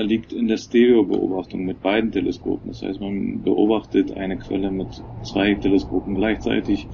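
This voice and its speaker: Male technical coordinator, hesitant explainer, gravelly voice; low-quality stream, muffled and noisy. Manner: hesitant, many filler sounds, restarts. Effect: low-quality stream with degraded sound. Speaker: technical coordinator of a telescope project. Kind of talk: explanatory interview answers. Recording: dull, lo-fi, noisy remote recording.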